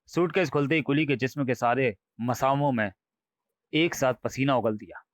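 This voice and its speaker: A man's voice: mid-range voice, moderate pace, no room sound. Dramatic male horror narrator. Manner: dramatic storytelling. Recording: dry, slightly dull recording.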